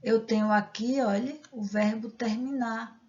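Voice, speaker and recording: A woman's voice: fairly high pitch, steady tone, slow pace, a little mellow, dull audio. A woman teacher explaining grammar step by step, reading example sentences and checking in with the class. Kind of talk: grammar lesson.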